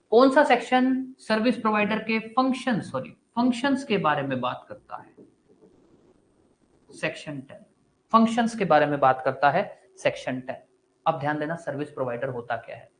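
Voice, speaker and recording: A man's voice: a little high, big pitch swings, moderate pace, a little hiss or hum. A male law teacher giving a live online class, asking questions and answering them himself in a casual, encouraging way. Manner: casual and encouraging, mixes Hindi with English terms.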